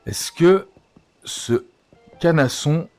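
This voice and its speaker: Male let's-play streamer, excitable, coaxes the game aloud as he plays. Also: a little high, drawn-out words, no echo, soft background music. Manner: excitable, coaxing, talks to the game. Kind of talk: live gameplay commentary.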